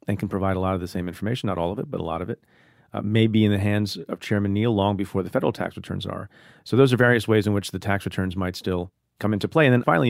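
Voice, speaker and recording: Gravelly low-voiced man hosting a podcast. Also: no room sound, clean studio sound. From India. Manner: measured, explanatory, reads ad copy. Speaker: podcast host. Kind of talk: podcast monologue and interview.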